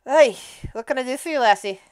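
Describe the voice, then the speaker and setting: A woman's voice: high-pitched, lively intonation, brisk, clear, resonant tone. A woman voicing a weary, grumbling tattooed tavern bartender in a tabletop game.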